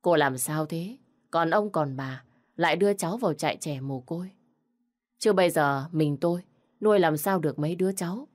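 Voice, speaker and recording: A woman's voice: low-pitched, normal speed, close to an everyday voice. A woman voicing a stern, blunt old grandmother in a spoken story, curt and dismissive.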